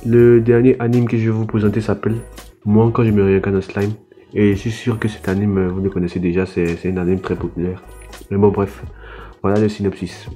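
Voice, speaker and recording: Young French male vlogger, casual anime review, halting delivery, low warm tone, soft music under. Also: little pitch movement. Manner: hesitant, many fillers and restarts. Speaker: anime YouTuber.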